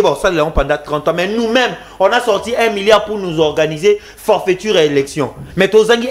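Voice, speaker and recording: A Congolese man giving an impassioned political talk, fiery and repetitive, switching between French and Lingala. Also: high voice. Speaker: guest commentator.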